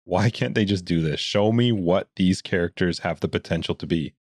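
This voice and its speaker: A man co-hosting a casual gaming podcast, talking in a relaxed way and giving short, agreeable replies. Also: low voice, normal speed, no echo, studio quality. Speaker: podcast co-host.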